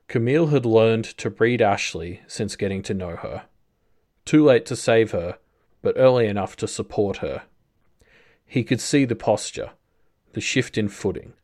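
A man reading a story aloud as narrator, in a slow, measured way. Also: fairly low pitch, darkish tone. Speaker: audiobook narrator. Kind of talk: scripted narration.

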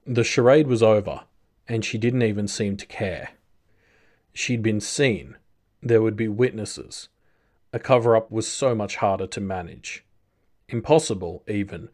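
A man reading a story aloud as narrator, in a slow, measured way. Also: lowish voice, darkish tone. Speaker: audiobook narrator. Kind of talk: scripted narration.

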